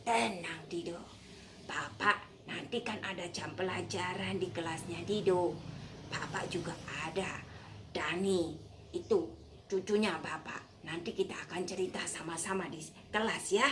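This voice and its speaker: A woman voicing a kindly older male schoolteacher who is a grandfather, speaking in a calm, reassuring way. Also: on the low side, unhurried, noisy background, voice pushed down, close to an everyday voice.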